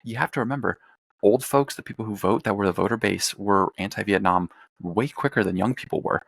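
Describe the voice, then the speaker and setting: A man's voice: on the low side, brisk, vocal fry, a bit bright, breathy edge, no room sound. A young man, a former congressional staffer, talking politics as a podcast guest in a blunt, profane, rambling way. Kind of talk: casual political chat.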